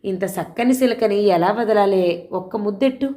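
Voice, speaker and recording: A woman's voice: mid-range voice, normal speed, dark tone, close to an everyday voice. A sleazy young man coaxes and shrugs things off, as a woman storyteller puts him on. This is an audio storybook role. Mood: leering.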